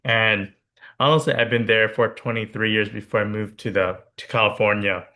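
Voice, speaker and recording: A young man from Hawaii in his twenties, co-hosting a casual podcast chat. His voice is bright and forward. He talks candidly, jokes freely and repeats his points for emphasis. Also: fairly low pitch, steady tone, normal speed. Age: 20s. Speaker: podcast co-host.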